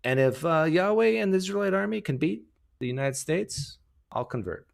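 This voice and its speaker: A man's voice: fairly high pitch, animated, creaky. A man hosting an open online call, talking casually and joking through a religion debate. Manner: joking, loose, drawn-out talker. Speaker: host of an open online hangout.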